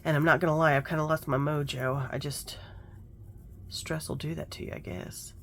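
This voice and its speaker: A woman's voice: deep voice, steady tone, moderate pace, a bit bright, a little hiss or hum. A woman chatting casually while working on a craft journal, telling stories and muttering to herself over her work. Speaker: craft vlogger.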